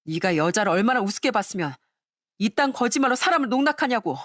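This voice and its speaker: A woman's voice: on the high side, big pitch swings, quick pace, a bit bright, no echo, studio quality, voice pushed up. A woman voicing a scornful ex-wife who sneers and scolds.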